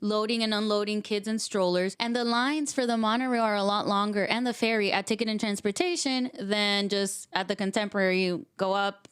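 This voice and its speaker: Teasing woman with a smooth voice. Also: medium pitch, brisk, hardly any pauses. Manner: teasing, chimes in and finishes his sentences. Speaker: podcast co-host. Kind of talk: casual podcast chat.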